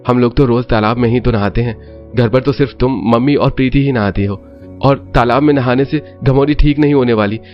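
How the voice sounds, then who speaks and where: A man's voice: medium pitch, fairly quick, faint music behind, lightly acted. A man voicing a young village husband in a cartoon story, explaining plainly. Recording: dull lo-fi audio.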